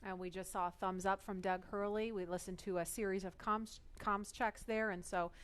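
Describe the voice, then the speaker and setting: A woman hosts live event coverage in a clear, smooth voice at a medium pitch. She explains and hands over in an unscripted live commentary style. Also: fairly even intonation, normal speed, a bit bright. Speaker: launch broadcast host.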